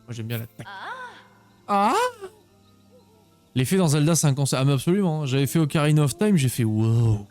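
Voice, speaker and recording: Un homme qui commente sa partie de jeu vidéo de façon décontractée, joueuse et pleine d'exclamations. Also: male voice, mid-range voice, expressive, normal speed, pauses often, darkish tone, faint music behind. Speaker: video game streamer. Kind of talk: casual gameplay commentary.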